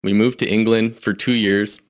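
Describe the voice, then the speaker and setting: On a podcast, a Canadian guest in his forties looks back on his life with candor, telling casual personal stories and often restarting sentences mid-thought. He talks at a moderate pace, his voice on the low side with fairly even intonation.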